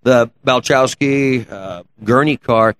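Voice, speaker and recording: A man's voice: medium pitch, slow, a bit bright. A man chatting casually as an interview guest, telling car stories in colloquial, slangy shop talk. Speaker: guest, race car builder and shop owner. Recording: clear background noise and ambience. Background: ambient noise.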